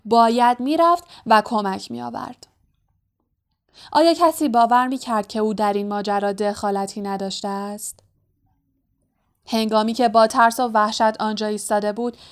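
A woman narrating a children's fantasy novel in a steady, even storytelling voice. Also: on the high side, clear, resonant tone. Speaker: audiobook narrator.

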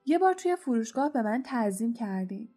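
A woman's voice: on the high side, sing-song, warm tone. A woman reading a storybook, voicing a polite, curious young boy.

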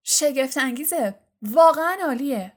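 A woman's voice: high voice, big pitch swings. A woman voicing a cheeky teenage boy who teases with mock grandness in an audiobook. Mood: teasing.

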